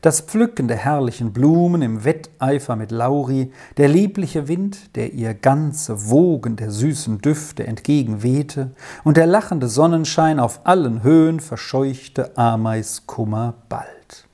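A woman narrating a children's story in a measured, expressive way. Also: extremely low pitch. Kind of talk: reading a children's story aloud.

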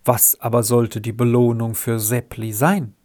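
A man reading a children's story aloud in a slow, measured narrating voice. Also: medium pitch, flat delivery, a little mellow. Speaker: audiobook reader. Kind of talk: scripted narration.

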